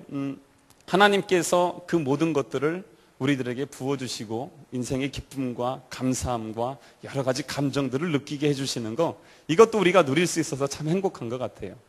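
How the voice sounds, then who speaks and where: A pastor with a fairly high voice preaches to a youth congregation. He tells stories as he goes and keeps putting questions straight to his listeners. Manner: storytelling, asks the audience direct questions. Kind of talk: sermon to a church youth service.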